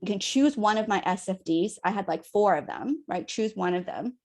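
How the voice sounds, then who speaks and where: Young woman facilitator, lively and chatty, acts out dialogue. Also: medium pitch, normal speed. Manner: animated, chatty, acts out quotes. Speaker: workshop facilitator. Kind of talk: teaching a communication workshop.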